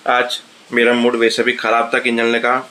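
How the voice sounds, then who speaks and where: A man giving a casual, animated recap of a TV serial episode, retelling the characters' lines. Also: mid-range voice, normal speed. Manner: animated retelling of dialogue with laughter.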